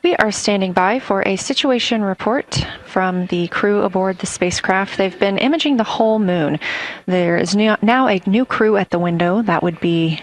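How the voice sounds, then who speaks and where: A woman's voice: mid-range voice, normal speed. A woman giving composed, informative live commentary on a space mission as a broadcast commentator.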